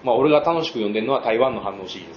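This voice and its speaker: Fast-talking Kansai man, lively. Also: medium pitch, a little hiss or hum. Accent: Kansai Japanese. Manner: animated, quick storytelling with frequent laughs. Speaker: podcast co-host. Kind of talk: casual chat. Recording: roomy, slightly dull home podcast audio.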